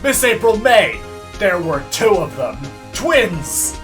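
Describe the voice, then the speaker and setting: A man's voice: high voice, sing-song, slow pace, music in the background, pitched above the performer's own voice, heavily acted. A man voicing an earnest young defense lawyer in a game read-along, emphatic and argumentative. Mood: accusing. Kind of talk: video game read-along role-play.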